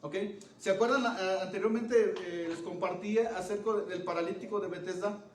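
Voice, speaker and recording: High-voiced male preacher in echoey hall. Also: steady tone, normal speed. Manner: questions the congregation often, checking with "¿Ok?"; swings from loud emphasis to hushed low phrases. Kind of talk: sermon. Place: church hall. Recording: echoey church room, voice from a distance, faint background noise.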